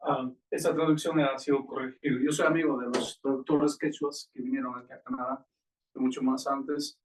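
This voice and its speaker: A man's voice: mid-range voice, flat delivery, normal speed, distant mic, slight background noise, poor audio. A man from the congregation sharing in a church discussion, conversational and full of hesitant fillers. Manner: conversational, filler-heavy with este. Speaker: congregation member. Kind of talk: church Q&A talk.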